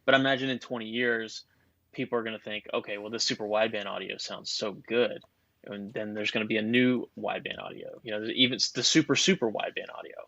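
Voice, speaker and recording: A man with a lowish voice talks through phone technology at length, chatty and loose. The sound is a bit muffled and very dry, with no room in it. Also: fairly even intonation, quick pace, gravelly, sharp tone, no room sound. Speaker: guest telecom expert. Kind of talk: casual podcast chat.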